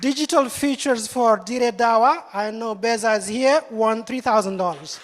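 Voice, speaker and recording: A woman reading out a list of award winners in a steady way. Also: on the high side, normal speed. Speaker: awards presenter. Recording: hall reverb with crowd noise.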